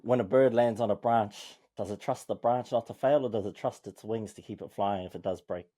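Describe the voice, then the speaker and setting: A male podcast co-host talks in a low, mellow voice. He keeps the chat loose and joking, now and then slipping into a mock preacher bit. He sounds relaxed and easygoing. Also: a little fast, slightly rough.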